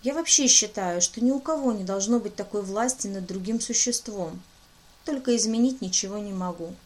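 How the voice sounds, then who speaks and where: Female audiobook narrator, middle pitch, reads in first person, gently voices dialogue. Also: normal speed.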